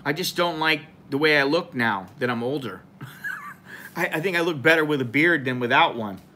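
A man in his forties hosts a loose, rambling live stream, chatting informally with his viewers and filling his pauses with "uh" and "um". His voice is bright and forceful. A faint hiss of room noise sits under him as he talks to a nearby camera in a small room. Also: on the high side, expressive. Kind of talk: casual live stream chat. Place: small indoor room with a plain wall.

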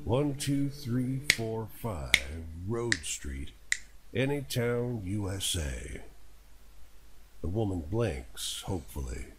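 A man's voice: on the low side, very animated, very slow, background noise, exaggerated voice. A man reading scripted game narration in a wry, storybook manner. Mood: dry.

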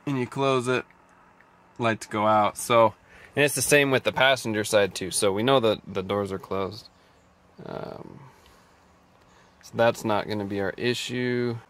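Sitting inside a car, an auto mechanic walks casually through a scan tool diagnosis, thinking out loud and reading off values. His lowish, slightly bright voice stays fairly even, a little slow, with frequent pauses.

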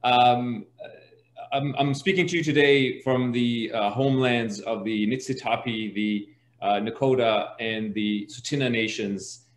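A man's voice: mid-range voice, fairly even intonation, unhurried. A man from Palestine speaking hesitantly, with many fillers and restarts, as a panelist in an online discussion from home. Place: home, video call. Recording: roomy video call audio.

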